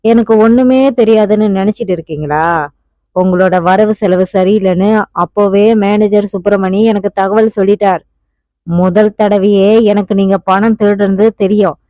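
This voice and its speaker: A woman's voice: mid-range voice, fairly even intonation, normal speed, warm tone, no room sound, lightly acted. A woman voicing a desperate young husband. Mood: commanding, angry. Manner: pleading then commanding. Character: anguished young husband, fierce when roused. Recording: dull, muffled audiobook recording.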